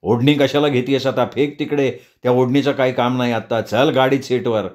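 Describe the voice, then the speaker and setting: A man voicing a drunk, brutish grown man who leers and threatens in a slow, low drawl. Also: fairly even intonation, darkish tone, lightly acted. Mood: menacing.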